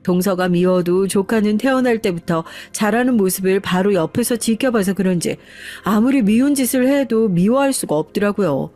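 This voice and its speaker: Woman calmly narrating a personal story. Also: mid-range voice, moderate pace. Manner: calm, confiding, aggrieved retelling. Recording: faint background music.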